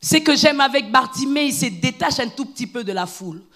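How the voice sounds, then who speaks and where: A woman preacher giving a fervent sermon in church, moving between low, hushed stretches and loud, repeated calls to her congregation. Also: lively intonation, fairly quick. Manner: fervent, repetitive, shouting exhortations.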